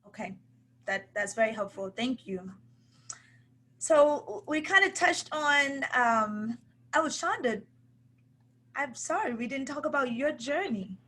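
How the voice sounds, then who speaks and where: A woman hosting a livestream conversation, asking her guests questions with soft fillers. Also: high voice, animated, slow pace, pauses often. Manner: interviewer, asks questions gently with fillers. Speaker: host.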